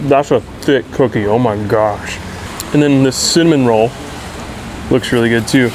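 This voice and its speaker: Casual, enthusiastic travel vlogger over clear background noise. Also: mid-range voice, moderate pace. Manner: informal, easily enthusiastic. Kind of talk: casual vlog chat to camera. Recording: noisy vehicle and outdoor ambience.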